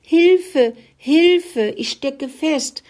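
A woman voicing a shrill, panicking male animal. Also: drawn-out words, a little mellow. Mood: panicked. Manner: shrill, wailing pleas for help.

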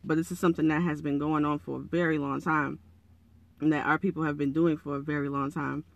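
A man hosts a casual motivational podcast in a fairly high but gravelly, raspy voice, hoarse as if just up in the morning. He talks earnestly and encouragingly in a conversational way. The recording is dry and close, with little room sound. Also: flat delivery, brisk, no room sound. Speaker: podcast host.

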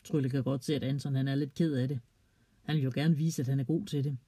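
Mellow, husky storyteller. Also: mid-range voice, steady tone, no room sound. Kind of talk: children's story reading.

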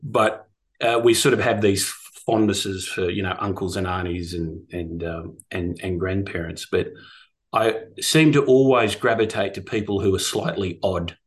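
A middle-aged man with an Australian accent and a fairly low voice. He talks reflectively about himself as a guest, feeling his way through phrases and repeating words as he thinks. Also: fairly even intonation, a little slow. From rural Australia. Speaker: guest, course teacher. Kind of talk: reflective personal storytelling in conversation.

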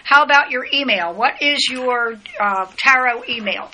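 A woman's voice: high-pitched, normal speed, bright, forceful tone, slight background noise, rough recording. A woman hosting a podcast interview, talking casually and steering the conversation in a practical way. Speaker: podcast host, astrologer.

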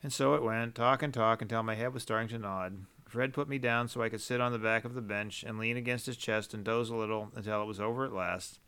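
Smooth-voiced male audiobook narrator. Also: lowish voice, steady tone, fairly quick, few pauses, bright, forceful tone.

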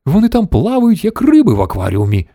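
A jumpy male astronaut captain shouts his alarm in a storybook reading, as a man puts him on. His pitch climbs high and swings widely, with a mellow tone. The sound is dry and close. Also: wildly swooping pitch, fairly quick, no echo, heavily acted. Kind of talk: audiobook character voice.

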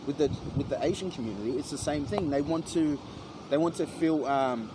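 Australian man, slightly high voice, laid-back casual talker, traffic behind. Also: brisk. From Western Sydney, Australia. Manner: relaxed, casual swearing, frequent "you know what I mean". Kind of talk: casual chat. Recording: outdoor traffic noise.

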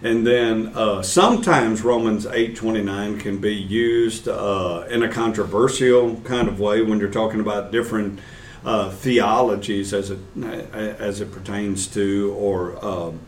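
A man's voice: lowish voice, measured pace, reverberant, distant mic, slight background noise. A man hosting a casual church discussion show, talking loosely with restarts and fillers. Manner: conversational, with frequent restarts and fillers. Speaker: host. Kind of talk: casual church podcast chat.

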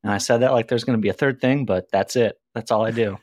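A man's voice: lowish voice, quick pace, a little mellow, no room sound, studio quality. A man speaking as a podcast guest in casual chat, wry and self-deprecating. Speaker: podcast guest, game designer.

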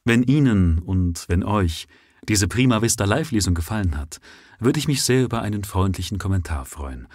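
A man reading a story aloud live at sight, with expressive, unhurried narration. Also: lowish voice, no room sound, studio quality. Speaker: audiobook narrator.

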